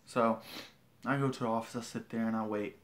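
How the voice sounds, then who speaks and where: A man's voice: mid-range voice, fairly even intonation, a little fast, a little hiss or hum. A teenage guy on a livestream, telling a story in a rambling, indignant way with many restarts. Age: teens. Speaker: vlogger.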